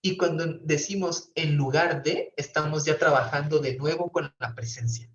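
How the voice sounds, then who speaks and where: A man's voice: fairly high pitch, normal speed, fairly bright tone. A man teaching a therapy class online, explaining step by step and often checking in with his students. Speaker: professor teaching brief therapy. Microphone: computer mic on a video call. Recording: roomy, distant, dull video-call audio.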